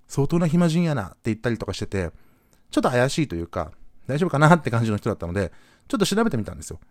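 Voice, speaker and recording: A man from Gunma hosting a podcast, telling a story in a casual, animated way and acting out the voices of the people in it. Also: medium pitch, no room sound, clean studio sound. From Gunma, Japan. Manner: animated, acts out quoted voices. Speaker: podcast host.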